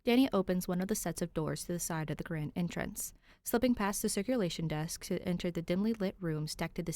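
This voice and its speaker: The host and reader of a fan fiction podcast, a woman with a lowish, darkish voice, sits close to the microphone, and there's no room sound. Her talk moves from a chatty introduction into audiobook-style narration of the story.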